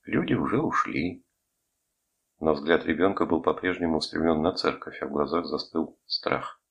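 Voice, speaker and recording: Deep husky male audiobook narrator, steady and measured, gravelly tone. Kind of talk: scripted narration.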